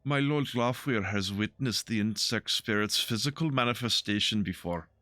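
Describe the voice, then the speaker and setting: A man voicing a slow, pompous male envoy in a video game, speaking in a low, deliberate tone. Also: pushed and bright, no echo. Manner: slow and deliberate, a failed attempt at an accent.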